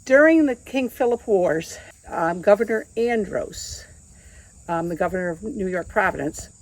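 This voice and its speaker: A woman's voice: medium pitch, rough recording. A woman tour guide outdoors, explaining local history with frequent hesitations. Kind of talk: casual explanation.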